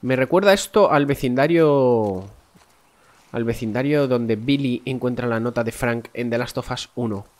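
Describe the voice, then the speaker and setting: Congested and nasal from a cold, this man talks at a moderate pace in a medium-pitched voice during a let's-play stream. He keeps the commentary casual and aimed at his viewers, with plenty of swearing.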